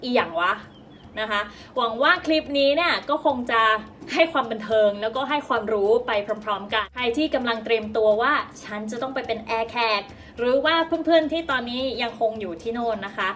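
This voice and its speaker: A woman's voice: on the high side, a bit bright, distant mic. A young Thai woman, a former flight attendant, chatting playfully in a casual storytelling vlog and imitating English phrases. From Thailand. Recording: voice a bit off-mic with faint music behind.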